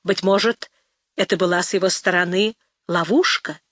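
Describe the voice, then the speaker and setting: A woman reading a first-person diary aloud in a calm, measured storytelling manner. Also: lowish voice, no echo, studio quality. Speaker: audiobook reader.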